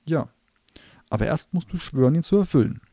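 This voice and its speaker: A man's voice: fairly high pitch, expressive, a little fast, dark tone, dry recording, clean studio sound, voice pushed up. A man voicing a determined young girl in an audiobook reading, firm and matter-of-fact.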